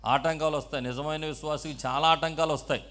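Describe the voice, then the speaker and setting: A male pastor giving a call-and-response sermon, moving between quiet explaining and loud shouted preaching as he has the congregation repeat his words. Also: on the high side, steady tone, quick pace. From South India.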